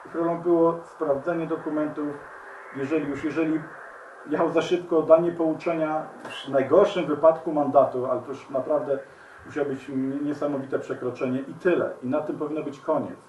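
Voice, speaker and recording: A man speaking straight to his viewers, earnest and appealing, often pausing on fillers and restarts. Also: a little high, fairly even intonation, darkish tone, reverberant, far from the mic, slight background noise, rough recording. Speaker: commentator. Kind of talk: spoken video commentary.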